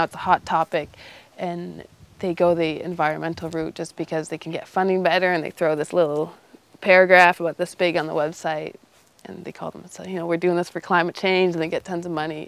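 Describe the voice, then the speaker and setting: A young woman in her early twenties with a Canadian accent talks in a casual interview. Her voice sits fairly low and has a strong creak to it. She phrases things loosely and informally, as in everyday conversation. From Iqaluit, Nunavut, northern Canada. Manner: informal, loose phrasing with frequent "you know". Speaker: interviewee, young polar expedition member.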